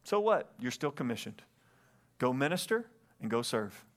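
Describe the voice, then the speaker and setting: A man who leads a church gives an earnest sermon from the sanctuary stage, his voice carried by a stage microphone. He speaks in a mid-range, sing-song way at a moderate pace, often asking for an amen and echoing his own phrases.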